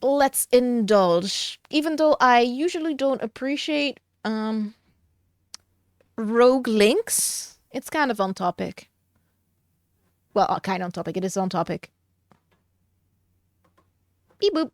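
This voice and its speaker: A woman's voice: fairly high pitch, expressive, no room sound, studio quality. A woman streamer chatting casually and giggling while she draws on stream. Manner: slow, musing, giggly.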